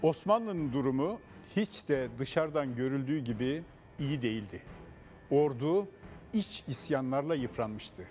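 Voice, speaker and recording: Man, interviewed expert, steady calm explanation, mid pitch. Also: unhurried, soft background music.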